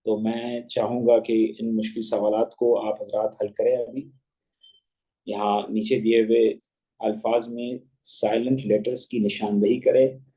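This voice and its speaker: A man leads an online grammar class in a slow, unhurried delivery with a dark, mellow tone. He spells each word out letter by letter, then patiently sets the wrong pronunciation against the right one. His voice comes through an online class call. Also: on the low side, level tone, poor audio. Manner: spells words letter by letter and contrasts pronunciations deliberately. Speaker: English teacher.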